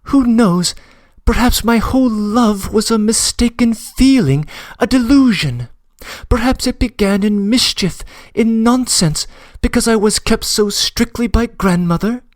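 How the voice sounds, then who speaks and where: A man with a high voice reads a little slowly, no room sound, in an audiobook of a classic novel. He speaks as a passionate young woman, tearfully pleading with earnest, trembling, breathless confession.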